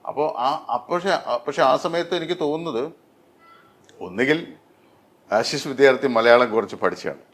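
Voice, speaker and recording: A middle-aged man, a dubbing artist, talking in an interview with many pauses and fillers. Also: mid-range voice, lively intonation. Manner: hesitant, many fillers and restarts. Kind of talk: interview conversation.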